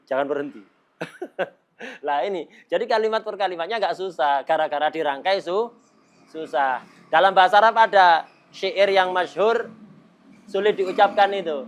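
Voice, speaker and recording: A middle-aged man teaching a class on Arabic rhetoric in a casual, joking way, mixing Arabic terms into everyday speech. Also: high-pitched. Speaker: religious teacher.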